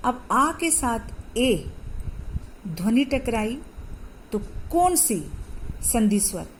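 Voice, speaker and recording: A woman's voice: a little high, big pitch swings, extremely slow, slight background noise, rough recording. A woman teacher explaining a grammar lesson patiently, asking the class questions and repeating the sounds.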